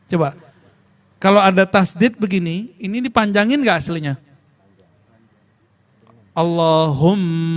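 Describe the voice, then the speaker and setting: Man, informal sermon, slightly high voice, conversational teaching, slow chanting. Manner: conversational, quizzes listeners, chants Arabic phrases slowly. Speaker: preacher teaching a study circle. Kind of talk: informal religious lesson.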